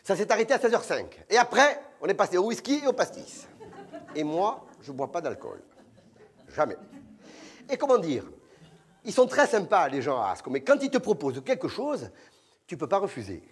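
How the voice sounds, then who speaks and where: A man's voice: high voice, huge pitch swings, normal speed, pauses often, breathy edge. A man from Corsica telling playful, self-mocking stories in an autobiographical one-man comedy show.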